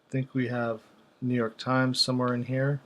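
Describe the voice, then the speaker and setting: A male video host casually walks through examples in a flat, even voice, barely rising or falling in pitch. His unscripted, halting delivery sounds like he's thinking aloud while browsing.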